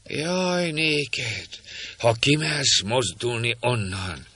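A man's voice: medium pitch, expressive, bright, forceful tone, husky, pitched above the performer's own voice. A man voicing a cackling old woman jailer with a screeching voice, read as part of an audiobook. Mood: mocking.

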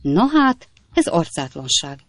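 A woman's voice: deep voice, big pitch swings, no echo, studio quality. A woman reading aloud and voicing a pompous, bullying landowner captain who barks orders at his gardeners. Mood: raging. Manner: barking, bullying commands. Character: pompous blustering male landowner captain, middle-aged.

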